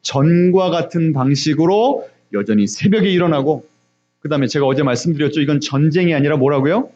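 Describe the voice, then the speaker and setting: A man's voice: on the high side, expressive, brisk, mellow, lo-fi sound. A middle-aged man preaching a sermon as pastor, pressing the congregation with repeated questions and emphatic rises. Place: church sanctuary, also streamed on video call.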